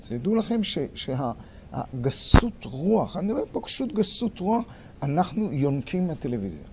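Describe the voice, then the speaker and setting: Older man lecturing with animated bursts. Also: fairly high pitch. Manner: animated, acts out quarrels with sharp loud bursts. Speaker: workshop leader. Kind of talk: motivational lecture to a group. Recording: muffled recording with faint background noise.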